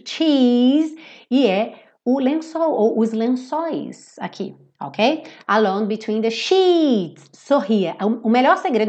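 A Brazilian woman teaching English pronunciation on a livestream, playful, drawing out words slowly to demonstrate them. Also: on the high side, darkish tone, muffled recording. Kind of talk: live-streamed pronunciation lesson.

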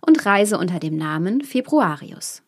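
A woman's voice: mid-range voice, very animated, unhurried. Woman voicing a boisterous carnival prince. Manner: boisterous, cheeky. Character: merry male carnival prince February.

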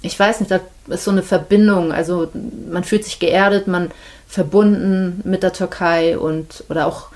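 A woman from Hamburg, Germany, a midwife appearing as a podcast guest, talks casually in a fairly low, steady, somewhat dark voice. She speaks thoughtfully, pausing and hesitating often as she searches for words, and seems like an easygoing interviewee.

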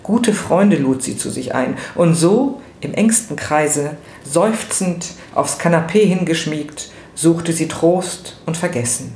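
A man reading literary prose aloud in a measured, expressive way. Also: fairly high pitch. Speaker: reader. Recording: roomy with faint noise.

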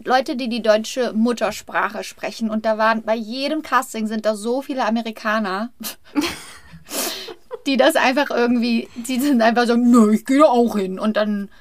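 Actress in casual chat, laughs a lot, curses in English, slightly high voice, dry close recording. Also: female voice, fairly even intonation, moderate pace, no echo. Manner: laughing often, swears in English.

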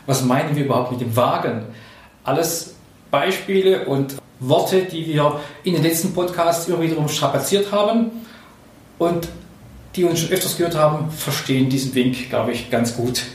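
A man from Swabia, Germany, hosts a conversational podcast, explaining things and posing questions in the coaching manner of a leadership trainer. His voice is fairly high and his pace moderate. The mic sits at a distance in a very echoey room.

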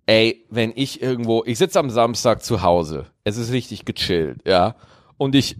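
A man's voice: on the low side, a little slow, dry recording, studio quality. A man co-hosting a podcast in casual chat, emphatic and opinionated. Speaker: podcast co-host.

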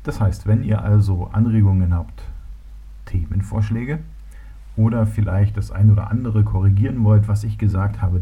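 A man's voice: fairly low pitch, husky. A man from Berlin hosting his own podcast, talking casually and hesitantly with lots of fillers. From Berlin, Germany. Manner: relaxed, hesitant with many fillers and restarts. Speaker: podcast host. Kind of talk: casual solo podcast talk. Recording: tinny phone-like sound.

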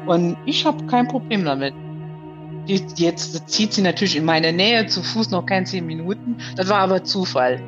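A woman's voice: fairly low pitch, animated, normal speed, highs cut off, music in the background. A woman in her fifties calling in, telling a personal story in casual chat with many hesitations. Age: 50s. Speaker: caller.

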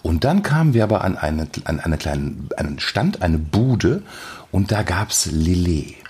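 A man's voice: low-pitched, sing-song, a little slow, darkish tone, husky. A man co-hosting a podcast at home, chatting casually with playful, mock-solemn humor into a close microphone. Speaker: podcast co-host. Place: at home on a sofa. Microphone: studio microphone up close.

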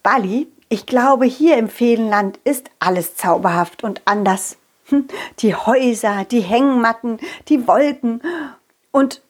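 Brief: curious little boy hero of a storybook, read by a woman, bright lively pitch, eager. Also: husky, exaggerated voice. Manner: wondering, eager. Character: curious, friendly young boy.

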